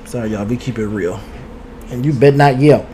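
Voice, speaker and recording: A man's voice: mid-range voice, a little fast, mellow, slight background noise. A man hosting a podcast with a casual gossip chat, sassy and outspoken, swearing freely and talking straight to his listeners while streaming from home. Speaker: podcast host. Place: home studio. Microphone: streaming with two cameras.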